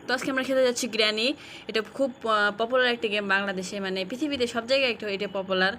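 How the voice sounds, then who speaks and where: A gaming host with a Bangladeshi accent talks at a racing pace in a fairly high, sharp voice, offering laid-back commentary while playing a horror game for viewers. Eerie game music plays in the background, and there's a little hiss or hum.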